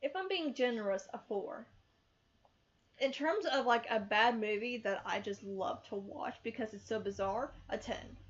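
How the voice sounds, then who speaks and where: A woman's voice: fairly high pitch, moderate pace. A young woman co-hosting a casual movie review chat, talking animatedly with emphatic rhetorical questions. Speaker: film review co-host. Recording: dull lo-fi sound.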